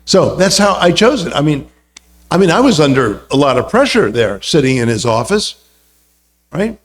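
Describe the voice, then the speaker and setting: With a slightly high voice that swings widely in pitch, an American man speaks at a moderate pace as a guest speaker. A religious teacher and university lecturer, he tells anecdotes in an informal talk peppered with asides.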